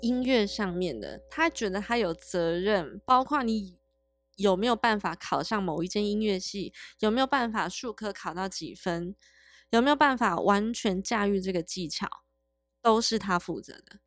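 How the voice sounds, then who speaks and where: A woman from Taiwan, chatting casually, tossing in quick witty remarks and thoughtful explanations. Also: medium pitch, animated. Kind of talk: casual chat.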